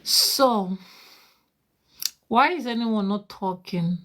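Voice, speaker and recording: A woman's voice: a little high, expressive, extremely slow, a bit bright. A woman, likely in her thirties, hosting a casual livestream chat from home at night, switching between English and French, repeating words and laughing often. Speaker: livestream host.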